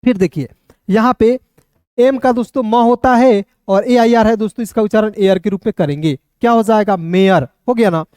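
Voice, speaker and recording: A man teaching English reading to viewers. He spells words out letter by letter, drills each one slowly and keeps asking his friends in the audience questions. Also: high-pitched, a little mellow, clean tone, no room sound, studio quality. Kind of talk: spoken phonics lesson for Hindi speakers.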